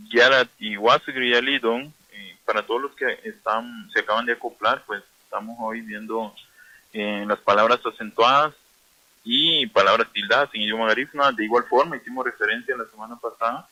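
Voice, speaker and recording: Male radio teacher, crisp bright voice, dry sound, patient drill-style explaining. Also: medium pitch, steady tone, no room sound, poor audio. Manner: slow, explanatory, repeats words for learners. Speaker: language teacher. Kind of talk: radio language lesson.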